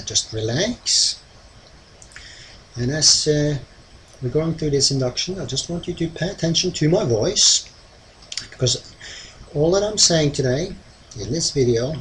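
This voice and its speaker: A man speaking as a hypnotist presenter in a conversational way, halting often with pauses and ums. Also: fairly high pitch, fairly bright tone. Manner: hesitant, halting delivery with frequent long pauses and ums. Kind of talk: conversational explainer to viewers. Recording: clearly noisy ambient background.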